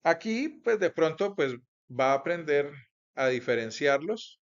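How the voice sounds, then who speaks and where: Slow, careful male teacher. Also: fairly high pitch, lively intonation. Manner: slow, careful explaining with frequent "pues" and "entonces". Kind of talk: recorded grammar lesson. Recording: dull lo-fi recording.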